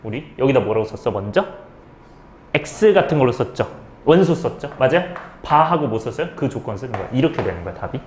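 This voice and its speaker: A man's voice: mid-range voice, big pitch swings, a little fast, echoey room. A male math teacher giving a step-by-step lecture, asking questions and answering them himself, often checking in with students. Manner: keeps checking in with students, "okay?".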